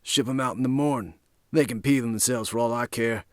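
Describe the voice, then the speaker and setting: A man voicing a callous, gruff thug boss who talks crudely and dismissively in a spoken crime story. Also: mid-range voice, normal speed, dry recording, studio quality, pitched above the performer's own voice, lightly acted.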